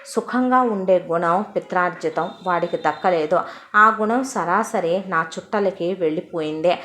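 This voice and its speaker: A woman's voice: lowish voice, normal speed, fairly bright tone, natural voice. A woman voicing a rambling, half-mad elderly father who speaks in philosophical wordplay, for an audio story. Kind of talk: Telugu audio story acting.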